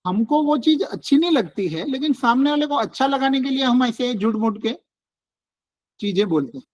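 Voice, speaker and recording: A man's voice: very high voice, expressive, normal speed, lo-fi sound. A man leading a relationship workshop. He explains things casually and keeps saying "look" and "okay". He uses everyday husband-and-wife examples, in an online session. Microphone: online session with screen sharing.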